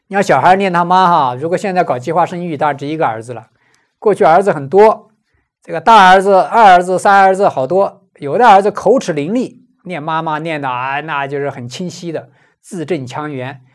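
A woman's voice: fairly low pitch, brisk. A woman giving a Buddhist scripture commentary lecture, explaining patiently and posing rhetorical questions she answers herself.

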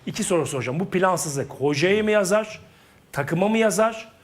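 A man's voice: sits high, lively intonation, moderate pace. A man on a football panel, putting questions and remarks to the others in casual talk. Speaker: panel member asking questions.

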